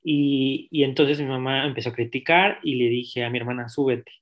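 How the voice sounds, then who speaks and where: A man's voice: mid-range voice, fairly even intonation, moderate pace. A young man, a podcast guest telling his own story in a direct, candid way with many restarts. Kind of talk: personal storytelling in an interview.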